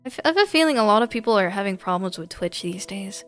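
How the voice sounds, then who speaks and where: A woman on a gaming livestream rambles and giggles through casual chat, with background music behind her voice. She talks fast in an animated, medium-pitched voice.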